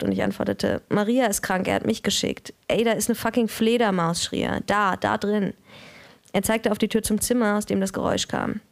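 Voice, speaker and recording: A woman's voice: mid-range voice, gravelly. A woman in her thirties, an author, reading her own novel aloud in a dry, matter-of-fact way and stopping now and then to correct herself. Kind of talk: literary reading and casual chat.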